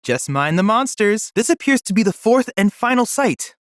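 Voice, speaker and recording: Voicing a boy-like android helper in a video game, an actor sounds young, earnest, and clever, using precise, formal, bookish wording. His medium-pitched delivery is very animated, eager, and helpful at a normal pace. It's lightly acted scripted dialogue in a clean, echo-free studio recording.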